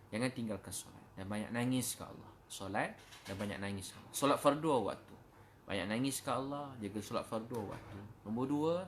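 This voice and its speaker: A middle-aged man with a Malaysian Malay accent delivers an emotional sermon. His voice sits low and turns to fervent pleading prayer. A faint background hum runs under the recording. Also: a bit bright. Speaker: preacher.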